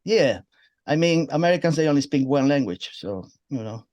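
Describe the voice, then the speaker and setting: A man with a fairly high voice hosts a casual interview. His questions wander and restart, padded with "uh" and "you know". His sound is close and dry, with no room echo. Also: lively intonation, normal speed, darkish tone. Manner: rambling, meandering questions with fillers. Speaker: interview host.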